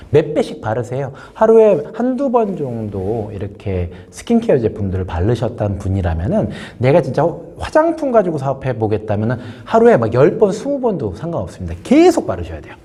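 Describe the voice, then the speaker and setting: A man with a mellow, medium-pitched voice gives an informal business lesson straight to camera. Despite a sore throat from a cold, he chats along with lots of fillers and asides.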